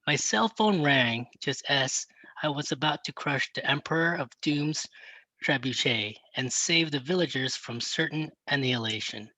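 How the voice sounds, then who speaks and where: A reader narrating a first-person children's novel aloud, plain and even, with a teen narrator's wry asides. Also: medium pitch, dry recording, rough recording. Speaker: audiobook reader.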